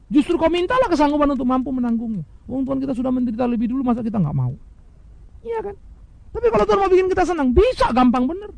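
A man preaching a sermon, addressing his listeners directly, swinging between loud emphatic highs and soft, hushed lows and acting out quoted speakers. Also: lively intonation, very fast, vocal fry, poor audio. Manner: mimics imagined speakers in quoted asides. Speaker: pastor.

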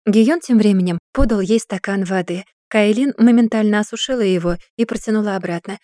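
A woman narrating an audiobook in an even, steady storytelling manner. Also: medium pitch, a little fast, dry recording, clean studio sound.

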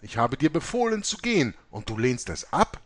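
A stern older rector, voiced by a male narrator, scolds in a raised, reproachful tone with lively rises and falls. The reading sounds close and dry. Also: mid-range voice, normal speed, dry recording, pitched above the performer's own voice.

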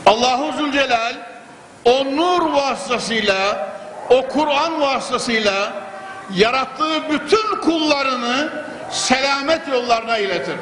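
A man's voice: very high-pitched, expressive, slow pace, fairly bright tone. Older man preaching at a pulpit microphone. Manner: fervent, rhythmic, repeating phrases for emphasis. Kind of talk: mosque sermon. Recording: echoey hall with clear background noise.

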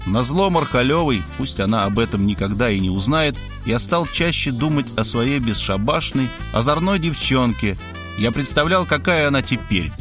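A man narrating an audiobook in the first person with expressive storytelling. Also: mid-range voice.

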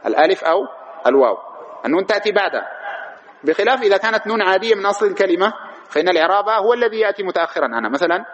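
A man's voice: high-pitched, lively intonation, very fast, a bit bright. A man teaching a grammar class, reading from the text and explaining it, who asks the students questions and answers them himself. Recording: dull lo-fi lecture recording with faint noise.

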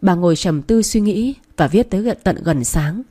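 A woman narrating a story in a calm, steady audiobook style. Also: lowish voice, normal speed.

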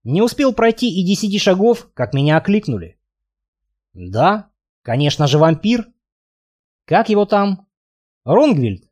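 A man reading a first-person fantasy audiobook aloud in a lively, expressive way. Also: sits high, a little slow, pauses often. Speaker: audiobook narrator.

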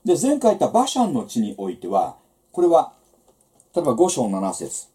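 A man's voice: medium pitch, huge pitch swings, normal speed, dark tone. A man giving a church seminar lecture on the Bible, teaching in a conversational way with rhetorical asides.

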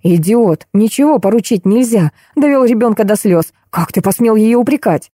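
A woman's voice: on the high side, lively intonation, moderate pace, dark tone, dry recording, studio quality, voice pushed up. A woman voicing an imperious middle-aged woman boss who scolds her staff. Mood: scolding. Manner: commanding, scolding.

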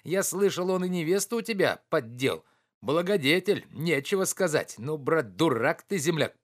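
A man reading an audiobook, voicing a loud, boorish, quarrelsome middle-aged man who shouts and blusters. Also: fairly high pitch, animated, normal speed, voice pushed up. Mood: scolding.

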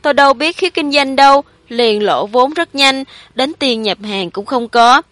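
A woman's voice: sits high, moderate pace, a bit bright, no room sound, voice pushed up. A woman voicing a frightened, guilt-ridden middle-aged man, confessing in a tearful, pleading way for a spoken horror story. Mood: tearful confession.

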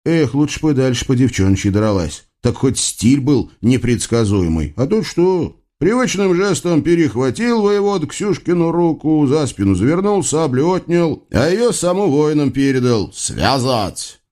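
A man narrating a folk-tale audiobook in a lively, folksy, playful manner. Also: fairly high pitch, moderate pace, hardly any pauses. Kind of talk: audiobook storytelling.

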